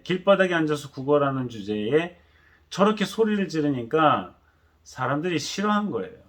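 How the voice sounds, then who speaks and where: A pastor preaching a sermon, telling the story animatedly and acting out the voices. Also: male voice, a little high.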